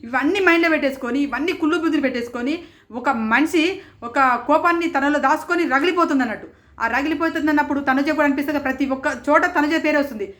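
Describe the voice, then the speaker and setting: A woman's voice: sits high, quick pace, a bit bright. A woman giving casual, opinionated commentary as a show reviewer, indignant and repeating phrases for emphasis.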